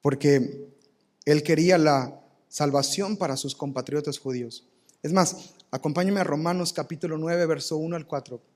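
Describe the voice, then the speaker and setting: A man preaches from a church pulpit in a voice on the higher side. He is lively and playful, slipping into little voices for the people he quotes. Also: normal speed. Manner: animated, acts out quoted voices with humor. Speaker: pastor. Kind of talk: live sermon. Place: church sanctuary.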